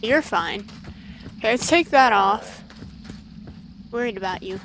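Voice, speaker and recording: A woman hosting casual gameplay commentary, chatty and excitable, talking to the creatures on screen. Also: on the high side, a little slow, slight background noise, rough recording. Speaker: gaming channel host.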